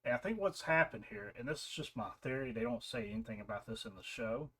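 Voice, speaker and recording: A man's voice: medium pitch, fast, pushed and bright, husky. A man casually recapping and reviewing a series episode, rambling with fillers and restarts. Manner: rambling, loose retelling with many fillers and restarts. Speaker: show reviewer.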